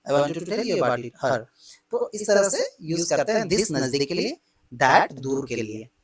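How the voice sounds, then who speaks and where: An Indian man teaches English grammar at an unhurried, deliberate pace. He explains in Hindi and reads each English example out word by word. He sounds set back from the mic in an echoey room. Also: on the high side, big pitch swings, recorded from a distance. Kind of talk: grammar lesson.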